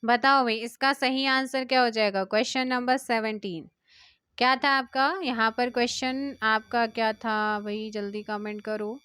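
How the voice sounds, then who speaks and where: Indian hindi-accent woman teacher rattling off quiz questions, kinda high, clean dry sound. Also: level tone, sharp tone, clean tone, no echo. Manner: brisk, quizzing viewers and urging them to comment. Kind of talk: quiz-style exam prep lesson.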